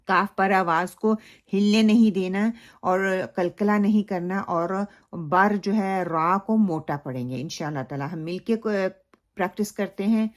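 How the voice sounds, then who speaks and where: A woman giving a recitation lesson. She speaks at a mid pitch, explains each sound patiently and then recites the phrase in long, drawn-out syllables. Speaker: Quran recitation teacher.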